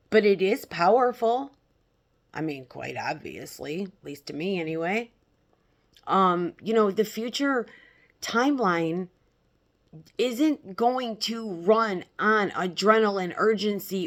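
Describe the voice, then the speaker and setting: Slow-talking woman, self-help influencer style. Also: medium pitch. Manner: self-help influencer delivery, blunt, emphatic, halting with check-ins to listeners. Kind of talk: casual unscripted self-help influencer talk to followers.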